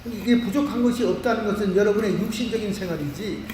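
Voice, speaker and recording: A Korean man, a pastor, preaching a lively sermon full of homely examples. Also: high voice, fast talker, a little hiss or hum. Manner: animated preaching with vivid everyday examples. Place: church sanctuary. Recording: roomy church hall from a distance.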